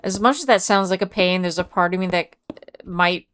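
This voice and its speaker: A woman's voice: lowish voice, normal speed, fairly bright tone, slight background noise. A woman streamer chatting casually with her viewers, reading out and answering chat messages. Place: home.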